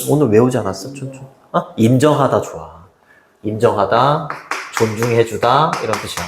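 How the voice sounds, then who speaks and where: A man teaching an English lesson to high school students in a chatty way, often checking in with them. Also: reverberant. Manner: lively, chatty, keeps asking students "right?".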